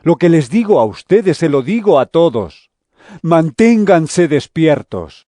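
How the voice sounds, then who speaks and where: A man playing Jesus as a solemn, deliberate teacher in a scripture audio drama. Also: a little high, big pitch swings, mellow, no echo, clean studio sound. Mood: solemn warning. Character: Jesus, solemn adult male teacher warning and instructing disciples.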